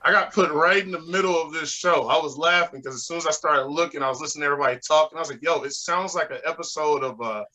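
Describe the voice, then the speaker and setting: Texan guy doing standup on a zoom call, chill and chatty, bright voice. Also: a little high, fast talker, few pauses, low-quality recording. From Texas. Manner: laid-back, chatty, laughs at his own jokes. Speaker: stand-up comedian. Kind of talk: stand-up set on a video call. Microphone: video call.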